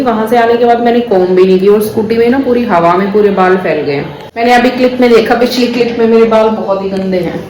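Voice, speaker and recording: A woman's voice: medium pitch, a little mellow. Woman vlogger, casual chatty delivery; echoey, noisy home recording. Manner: chatty, rambling, addresses viewers as guys. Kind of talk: casual chat to camera. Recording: very echoey room with noise.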